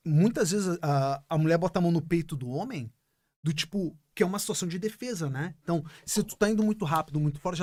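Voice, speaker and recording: A man with a fairly high voice that sounds dry and close to the mic. He guests on a casual podcast and explains points emphatically, often pausing to check that the listener follows. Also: no room sound. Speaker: podcast guest, business partner.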